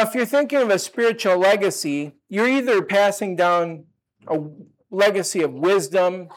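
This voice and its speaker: An older man giving a sermon, talking in a relaxed conversational way with asides and restarts. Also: high voice. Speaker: pastor.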